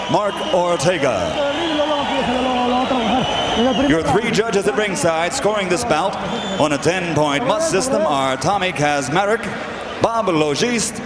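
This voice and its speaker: Guy doing big showy boxing ring intros like lucha libre, booming, stretched names, super loud crowd and noise. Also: roomy sound. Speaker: ring announcer. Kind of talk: formal boxing ring announcement. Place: large indoor arena. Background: roaring crowd.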